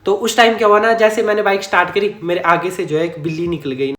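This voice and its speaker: Male vlogger, high voice, chatty storyteller who chuckles and corrects himself, echoey room. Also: flat delivery, fast, fairly bright tone. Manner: chatty, rambling, self-correcting, chuckles often. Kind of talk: casual storytime narration.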